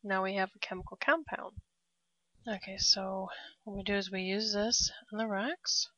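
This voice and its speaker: A woman casually narrating a game walkthrough step by step, relaxed and prone to laughing. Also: mid-range voice, normal speed, dry recording. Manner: relaxed, laughs often, cheers at a blast. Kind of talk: casual gameplay commentary. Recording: dry, slightly dull lo-fi.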